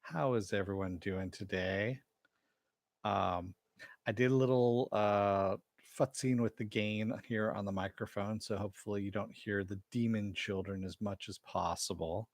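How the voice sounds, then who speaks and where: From a home room, a man hosts a casual live-streamed recap of a TV episode, rambling and chatting with viewers. He wears a headset mic with headphones, and his low-ish, steady voice is a little slow, with a dry, clean studio sound.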